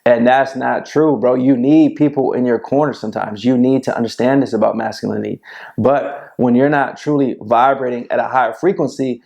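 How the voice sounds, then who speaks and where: A man in his thirties delivers a direct-to-camera motivational talk, speaking into a lapel mic in a small room. His voice sits at a medium pitch with a gravelly, fry-laced edge. He talks in a preachy, repetitive way, often tossing in "bro". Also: steady tone, fairly quick, a little mellow, dull audio. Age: 30s. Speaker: men's self-help video host. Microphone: lapel mic clipped to shirt.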